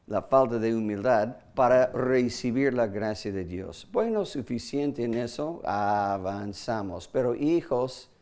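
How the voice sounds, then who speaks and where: Slow, emphatic male preacher. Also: animated, a little mellow. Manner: emphatic, with sudden pitch jumps and hesitant fillers; acts out short quoted apologies. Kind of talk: sermon.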